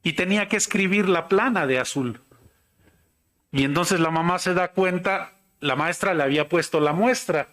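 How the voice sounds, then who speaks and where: A man giving an academic conference talk, measured and explanatory. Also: high-pitched, a bit bright. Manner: measured, explanatory, tells anecdotes. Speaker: lecturer.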